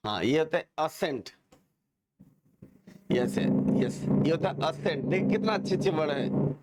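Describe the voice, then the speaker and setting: A male teacher giving a lively, joking classroom lesson, quizzing students and having them repeat words. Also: on the high side, measured pace, heavy background noise.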